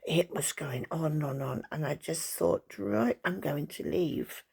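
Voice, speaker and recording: A woman's voice: sits low, a little slow, creaky, a little mellow, husky. An older woman chatting at home to her viewers, rambling through a story with asides to her dog. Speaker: vlogger. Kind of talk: casual chat to camera. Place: at home, indoors.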